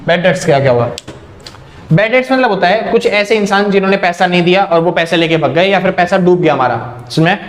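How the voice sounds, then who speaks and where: Male accounting teacher, higher voice, quizzes himself step by step, roomy echo. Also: lively intonation, fast talker, slight background noise. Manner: explains step by step, asks and answers his own questions. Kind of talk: accounting lecture.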